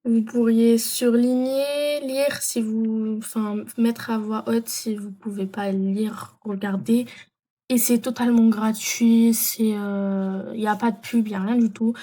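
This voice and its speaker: A woman's voice: fairly high pitch, fairly even intonation, slow pace, dark tone. A woman walking viewers through an app in a casual tutorial, hesitant with many fillers and self-corrections. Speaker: vlogger.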